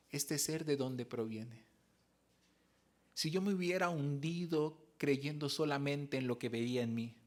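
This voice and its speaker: A man preaching a sermon as pastor, telling personal stories in an earnest way that moves from soft reflection to raised emphasis. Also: on the high side. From Mexico. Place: church service.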